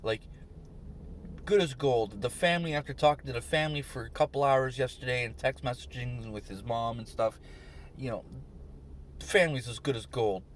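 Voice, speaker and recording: A man's voice: mid-range voice, fairly quick, slight background noise. A man, short on sleep, ranting on his vlog, swearing and irritated. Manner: swearing, ranting, rising to shouts. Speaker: vlogger.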